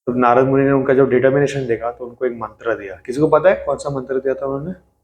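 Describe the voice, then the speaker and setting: Male class teacher, mid-pitched, chatty and questioning with listeners, in an echoey room. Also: fast, darkish tone, lo-fi sound. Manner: conversational, mixes English into his talk, quizzes listeners. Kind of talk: interactive scripture class.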